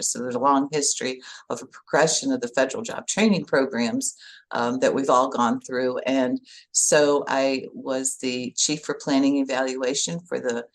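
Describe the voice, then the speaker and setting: A woman's voice: a bass voice, steady tone, normal speed. An older woman from upstate New York, a podcast guest telling her career story in a chatty way, with frequent restarts. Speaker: guest, workforce association director. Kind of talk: interview answer, storytelling.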